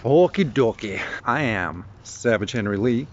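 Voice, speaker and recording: A man talks bluntly and rambles while out on a morning walk. His voice sits at an ordinary middle pitch. The outdoor recording is a little dull and lo-fi, with faint ambience behind it. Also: lively intonation, a little slow, slight background noise. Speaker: vlogger. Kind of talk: casual walking vlog monologue.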